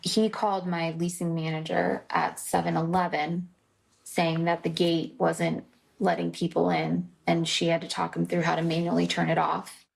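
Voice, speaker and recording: A woman who manages an apartment complex walks police through details in a matter-of-fact way. Her voice is heavily gravelly with vocal fry and sits a bit low. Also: little pitch movement, moderate pace. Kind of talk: report to police.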